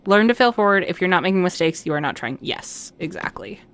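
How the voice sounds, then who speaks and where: A woman's voice: fairly low pitch, animated, very fast, a bit bright, smooth. A woman casually chatting and musing aloud as she plays a game, rambling with frequent restarts. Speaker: let's play streamer. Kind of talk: casual gameplay commentary.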